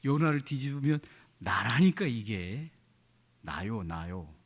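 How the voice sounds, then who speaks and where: A man's voice: medium pitch, sing-song, slow, slightly rough. A man preaching a sermon as a pastor. He acts out quoted prayers and keeps asking the congregation questions.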